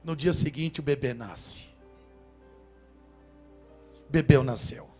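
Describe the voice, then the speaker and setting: High-voiced São preacher. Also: male voice, slow pace, faint music behind. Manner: call-and-response with the congregation, swings from hushed to shouting. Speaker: pastor. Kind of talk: sermon.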